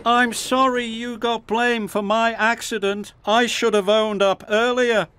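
A man voicing a cheerful, careless young male front loader machine, excitable and shouty, in a storybook reading. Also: extremely high pitch, a little slow, smooth, dry recording, faint music behind, pitched above the performer's own voice, full character voice. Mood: sorry.

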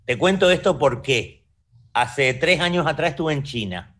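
With a fairly high, fairly bright voice, lively intonation, and a measured pace, an Argentine man in his fifties speaks reflectively as an artist guest. He frequently checks in with the listener during the conversational interview, using an Argentine Spanish accent and a video call webcam at home.

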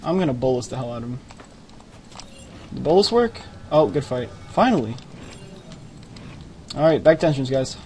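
A man's voice: mid-range voice, expressive, normal speed, long pauses, darkish tone, a little hiss or hum. A young man leading a clan in an online game, giving short repeated commands and live commentary into a headset mic. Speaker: clan leader giving orders.

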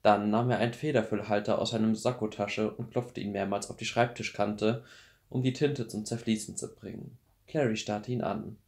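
A man in his twenties calmly reading a novel aloud as a bedtime audiobook. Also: on the low side, moderate pace. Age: 20s. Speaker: audiobook reader.

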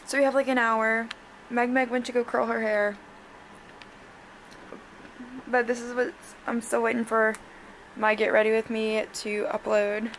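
A woman's voice: fairly high pitch, little pitch movement, a little slow, pauses often, distant mic. A woman in her early twenties chatting casually to a vlog camera in a bubbly sorority-girl manner. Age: early 20s. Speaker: college sorority member vlogging. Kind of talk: casual get-ready-with-me vlog chat. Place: small echoey rooms in an apartment and house. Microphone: handheld or propped vlog camera. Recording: roomy echo, faint background noise.

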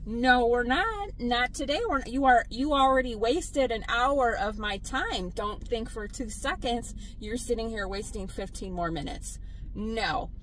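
A woman, a delivery driver vlogging from her car, blunt and animated as she tells her stories. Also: on the high side, unhurried, slight background noise, rough recording. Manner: exasperated, blunt, animated storytelling. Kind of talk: casual vlog venting to viewers.

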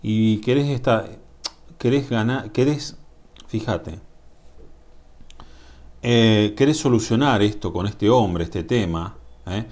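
Rioplatense guy doing a tarot reading, low voice, slow musing talk, keeps going "mm?". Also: darkish tone. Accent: Rioplatense Spanish. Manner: musing, drawn-out, asks "mm?" to the viewer. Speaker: tarot reader. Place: indoors at a table. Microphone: camera above the table, speaker off-screen.

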